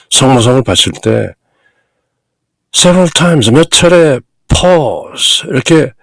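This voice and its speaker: A man teaching a bilingual reading lesson on a devotional text, reading slowly and deliberately with long pauses between phrases. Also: medium pitch, creaky, no echo.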